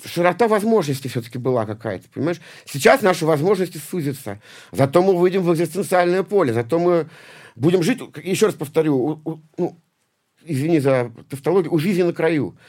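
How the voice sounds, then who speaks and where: This interview guest, a late-forties punk poet and musician from St Petersburg, Russia, talks casually with lots of swearing, restarts and repeated words. He speaks on the high side, animated and a little fast, with a darkish tone.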